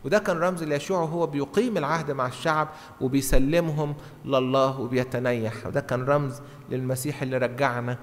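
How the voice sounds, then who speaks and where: A middle-aged man with an Egyptian Arabic accent, a priest, preaches an explanatory Bible lesson at a lectern inside a large church, talking fast in a mid-range voice with fairly even intonation. He speaks conversationally, acts out dialogue, and repeats short phrases for emphasis, heard via a gooseneck mic in a reverberant hall.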